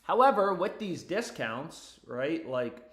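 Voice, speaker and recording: A man's voice: a little high, big pitch swings, slow pace. A young man chatting casually as a livestream host, with sweary frat-bro slang. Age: young adult. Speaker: livestream host giving betting picks. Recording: roomy, echoey indoor sound.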